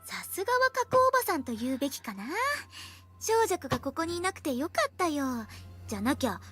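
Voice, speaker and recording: Teasing little game girl, squeaky high, bouncy. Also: very animated, a little fast, fairly bright tone, faint music behind. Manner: playful and teasing.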